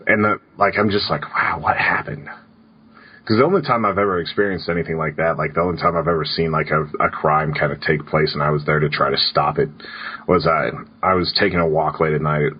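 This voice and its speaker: A man's voice: very deep voice, fairly even intonation, fast talker, slightly rough. A man co-hosting a podcast in casual chat, telling loose stories full of "like"s. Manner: loose storytelling with many "like"s. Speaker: podcast co-host. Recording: dull lo-fi podcast audio.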